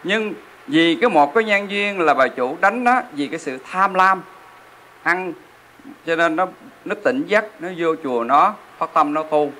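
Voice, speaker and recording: Bright-voiced monk preaching a sermon. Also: male voice, on the high side, expressive, measured pace, a little hiss or hum. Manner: rhetorical questions to the audience. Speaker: Buddhist monk. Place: temple hall.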